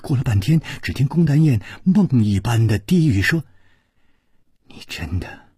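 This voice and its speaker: A man narrating a martial-arts novel in expressive Chinese radio storytelling style. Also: breathy edge, no room sound, studio quality. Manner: slow, expressive narration with lively pitch.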